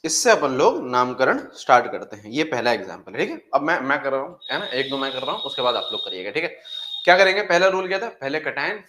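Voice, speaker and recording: A man's voice: mid-range voice, sharp tone. A male chemistry teacher in a classroom, asking his students questions and repeating key steps. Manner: addresses students as "beta", asks questions and repeats answers; drills step by step, repeating key words.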